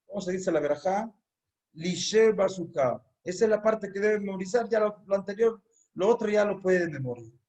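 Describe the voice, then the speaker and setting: A man's voice: sits high, expressive, fairly quick, darkish tone. A man teaching a congregation in an online religious class, explaining step by step and repeating key phrases so they are memorized.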